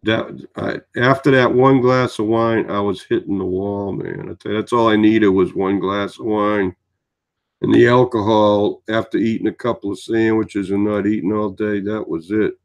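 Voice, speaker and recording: This vlogger, a man in his sixties who sounds tired, has a fairly low voice with mostly even intonation and a moderate pace. He drifts from point to point in a chatty, filler-heavy way during a casual vlog.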